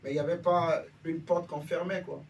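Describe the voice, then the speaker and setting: A preacher from Benin delivers an informal sermon to a small congregation, his conversational voice a touch high, steady, brisk and creaky. He keeps asking whether his listeners follow him and seeks their agreement. He's recorded from a distance with faint background noise.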